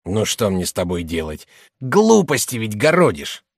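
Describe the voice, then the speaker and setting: A man's voice: on the low side, huge pitch swings, normal speed, dry recording, studio quality, heavily acted. A man reading an audiobook, voicing a middle-aged shopkeeper who wheedles and then bullies his wife. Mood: placating. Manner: gruff, by turns placating and bullying. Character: rough, boastful male shopkeeper, middle-aged, blustering.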